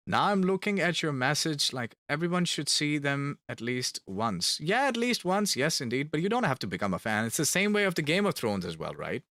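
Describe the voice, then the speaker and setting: A band member whose first language is Finnish chats casually with fans on a live stream, reading their questions aloud, answering them, and repeating words for emphasis. His medium-pitched voice sounds pushed and bright. The recording is dry and clean, with studio-quality sound.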